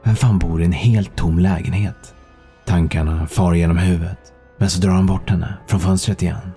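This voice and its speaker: A man narrating a thriller audiobook in a calm, measured storytelling manner. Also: low voice, faint music behind.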